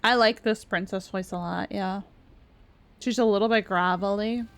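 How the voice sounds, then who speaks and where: A woman's voice: mid-range voice, steady tone, moderate pace, a bit bright, dry recording. A woman streamer giving casual, teasing, exclamatory reactions to a game and chatting to viewers. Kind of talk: casual reaction commentary to chat.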